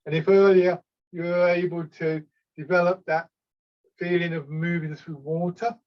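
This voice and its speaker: A man gives calm, unhurried step-by-step tai chi cues as an instructor, sometimes hesitating and correcting himself. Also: fairly high pitch. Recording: slightly dull, lo-fi sound.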